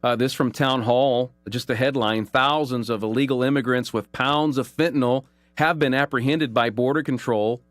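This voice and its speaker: A man hosts a call-in talk show in an earnest, emphatic voice that sits at an ordinary middle pitch. He slows down to press home his key points while reading headlines. The sound is close and dry, with no room around it. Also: steady tone, no echo. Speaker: radio call-in show host.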